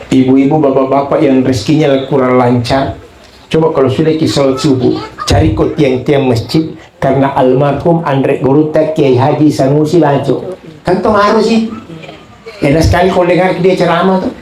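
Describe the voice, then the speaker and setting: A man's voice: on the high side, roomy sound, low-quality recording. A man with a Buginese accent preaching a humorous Islamic sermon, telling stories, acting out voices and chanting prayers. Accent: Buginese-accented Indonesian. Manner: animated storytelling, acts out voices, chants prayers.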